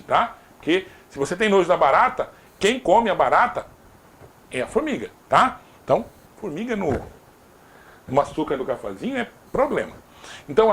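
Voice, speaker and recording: Brazilian guy teaching grammar, high voice, swoopy and lively, keeps going "tá?". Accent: Brazilian Portuguese. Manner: lively, repeats "tá?" to check understanding, jokes aside. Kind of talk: recorded exam-prep grammar lesson.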